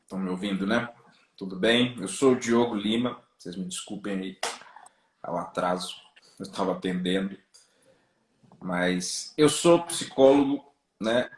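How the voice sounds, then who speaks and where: A man with a Brazilian Portuguese accent, a psychologist guest, speaking in a relaxed, casual way over a crackly, breaking-up call line from a rural home. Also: on the low side. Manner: relaxed, leans on tag questions. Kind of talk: casual interview chat. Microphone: remote video call. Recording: echoey room over a choppy remote call.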